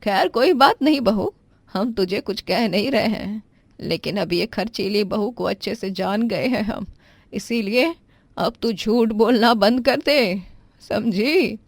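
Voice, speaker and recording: A woman voicing a stern, suspicious middle-aged mother-in-law who questions and scolds slowly. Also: medium pitch, no echo.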